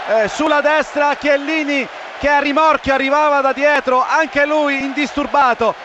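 A man from Italy giving live radio match analysis as second commentator, in a raised voice with halting phrasing. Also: very high voice. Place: football stadium commentary position. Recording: dull lo-fi feed with loud crowd. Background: noisy crowd.

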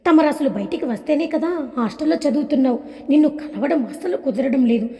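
Woman reading a lovesick young man, tender, wistful, high, mellow, long hall reverb. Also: a little fast, natural voice.

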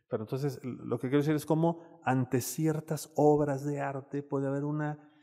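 On a panel about literature and mental health, a Mexican-accented man delivers a relaxed slide lecture in a university lecture room, often saying "este" and adding "¿no?". His voice is medium-pitched and mellow, heard with reverberant hall sound.

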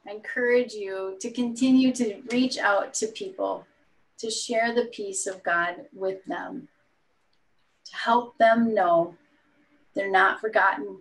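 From a small room at home, a middle-aged woman pastor leads an online worship service over a video call, speaking gently and with encouragement. Her voice is mid-range and the audio poor.

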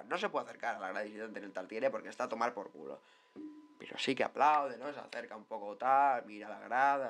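A man's voice: medium pitch, a bit bright. A man talks through football mascots in a loose, chatty commentary. He rambles, doubles back on his words and keeps tossing in little tag questions as he goes. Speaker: football vlogger reviewing mascots. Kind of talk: casual commentary.

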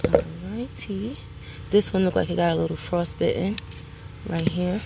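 A Brooklyn, New York City homestead vlogger picks peppers in a sunny outdoor garden, filmed on a phone, chatting casually and calling her viewers "guys." Her voice is lowish and gravelly, her pace measured, with heavy background noise.

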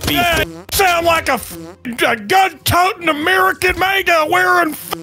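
A man talking through a high-pitched voice changer, shouting taunts at other players in online game chat. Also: measured pace.

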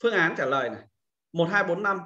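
A man giving a patient, step-by-step screen-recorded software tutorial to teachers, explaining each click as he goes. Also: sits high, animated, fast, muffled recording. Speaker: teacher trainer.

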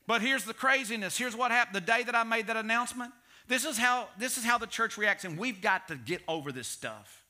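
This middle-aged pastor preaches briskly from a church stage, his voice very high. His delivery is animated, moving from loud emphasis to quiet asides.

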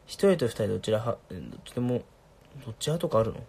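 A young man casually answering viewer questions on a livestream, laid-back and soft-spoken. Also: mid-range voice, animated, fast, gravelly, slightly rough.

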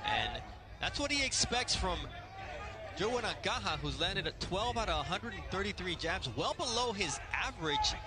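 High-voiced male boxing play-by-play commentator. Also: very animated, moderate pace. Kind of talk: live sports commentary.

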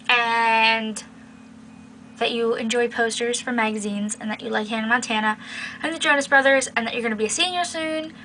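Bright-voiced young woman vlogging. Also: a little high. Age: young adult. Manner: playful, teasing. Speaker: video blogger. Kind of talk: casual chat to camera. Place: small bedroom, indoors. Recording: noisy home webcam-style recording.

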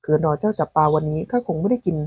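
A woman reads a deadpan young palace eunuch from a storybook, low-pitched and husky, teasing in flat, unhurried retorts. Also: no room sound.

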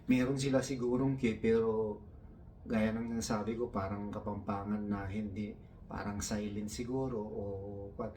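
A man's voice: on the low side, fairly even intonation, moderate pace, mellow, recorded from a distance, a little hiss or hum. A man from the Philippines doing stand-up storytelling, taking on his coworkers' broken English in a raised voice. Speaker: comedian.

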